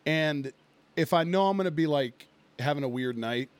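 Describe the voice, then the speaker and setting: A man's voice: fairly high pitch, moderate pace, clean tone, no echo. A man in his thirties co-hosting a casual podcast, rambling and swearing through a long drinking story. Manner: rambling, profane, many fillers. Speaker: podcast co-host. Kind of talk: casual chat.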